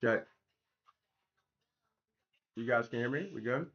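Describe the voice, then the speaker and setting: A man's voice: lowish voice, steady tone, normal speed, lo-fi sound. A man chatting casually and slangily to livestream viewers as he works, his voice not fully back after tonsillitis, with a sore, swollen-throat sound. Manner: slangy, informal, addressing viewers directly. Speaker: livestream host building an app. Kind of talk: casual livestream chat while working.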